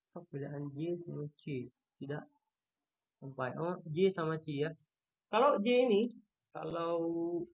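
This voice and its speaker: A teacher from Indonesia runs an online Turkish lesson with a shared screen, patiently repeating each letter's sound slowly to model pronunciation. The voice sits in the mid range and the audio is dull.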